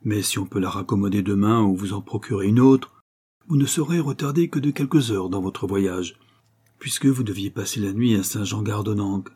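A man reading aloud, voicing a simple, superstitious coachman who speaks earnestly and respectfully, in a raised, husky voice. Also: fairly low pitch, normal speed, mellow. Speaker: postillion.

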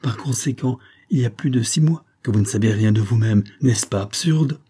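A man's voice: medium pitch, moderate pace, dark tone, close to an everyday voice. Man voicing an insistent husband. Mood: urgent. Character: anxious husband questioning his wife, insistent.

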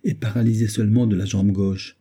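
A man voicing a brisk male hunting captain who explains events quickly in a storybook reading, with a dark, husky voice. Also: fairly low pitch, steady tone. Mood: relieved.

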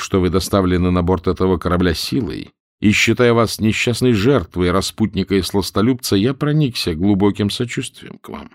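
Deep-voiced calm pirate captain from a male narrator, coldly mocking, dry close recording. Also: no echo. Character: cold, ironic pirate captain, man, middle-aged.

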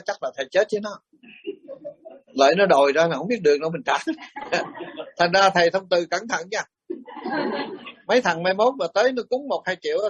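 A middle-aged Buddhist monk tells stories in a dharma talk, lively and blunt whenever he acts out what was said. His voice sits fairly high with a husky edge. The recording is dry and close, with little room sound. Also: no room sound, muffled recording. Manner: animated, acts out quoted exchanges bluntly.

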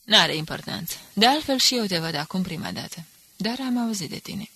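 A woman's voice: medium pitch, lively intonation, pushed and bright, husky, no echo, heavily acted. A woman reading the part of a menacing male undercover agent who talks in an ironic, threatening way. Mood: mocking.

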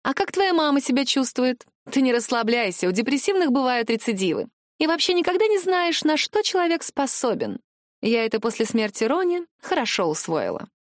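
A woman putting on a high gushing gossip. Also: big pitch swings, fairly quick, no echo, studio quality. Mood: prying. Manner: chattering, boastful, prying.

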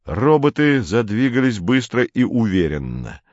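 A man reading a story aloud in an even, measured way. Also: medium pitch, no echo, muffled recording. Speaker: narrator. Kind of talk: audiobook narration.

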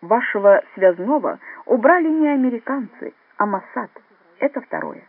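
A man's voice: very high voice, expressive, normal speed, no room sound, pitched above the performer's own voice, full character voice. A man voicing a weary, cold professional agent who speaks with tired contempt in an audiobook. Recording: dry, phone-like narrow sound.

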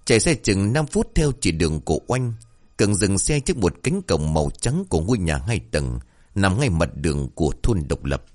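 A man narrating a scripted story in an expressive way. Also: low-pitched, normal speed.

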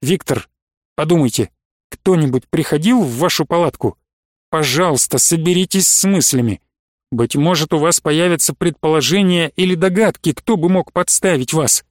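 A man voicing a calm, firm male army major who speaks in a measured, steady way. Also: fairly high pitch, no room sound, studio quality, close to an everyday voice. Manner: measured, steady, stern when pressed.

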